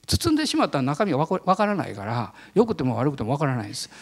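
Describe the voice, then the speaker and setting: A male pastor giving a sermon, telling a personal story in an animated way and laughing often. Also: fairly high pitch, racing, long reverb tail.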